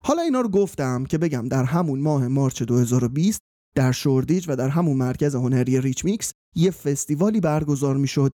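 A man in his forties from Iran, telling a personal story in a wry, self-mocking, unhurried way. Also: mid-range voice, animated, dark tone, no room sound, studio quality. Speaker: storyteller and documentary reporter. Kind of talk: scripted personal storytelling over music. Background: faint background music.

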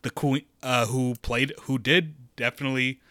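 A man co-hosting a podcast in casual chat, hesitant with many pauses. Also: medium pitch, steady tone, pushed and bright, no room sound, clean studio sound. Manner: hesitant, lots of "uh" and restarts. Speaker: podcast co-host.

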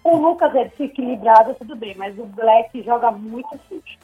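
A woman's voice: fairly high pitch, expressive, normal speed, soft background music. A woman calling in to a radio show, heard over a phone line, giving blunt, outspoken opinions. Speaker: radio call-in listener.

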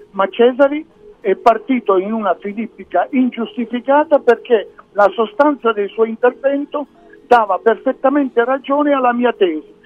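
Very high-pitched man on phone-like line. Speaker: football pundit. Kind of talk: recounting a dispute. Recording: tinny phone-like line, faint music.

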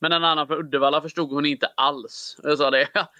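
A man's voice: fairly high pitch, fairly even intonation, bright, forceful tone, no room sound. A man co-hosting a podcast in casual chat, teasing and joking with his friend. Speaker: podcast co-host.

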